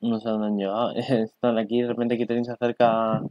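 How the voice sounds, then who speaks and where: A man's voice: medium pitch, flat delivery, brisk, dry recording, lo-fi sound. A man chats casually over an anime preview, rambling, exclaiming and swearing as he goes. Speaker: anime reaction youtuber. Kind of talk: casual commentary.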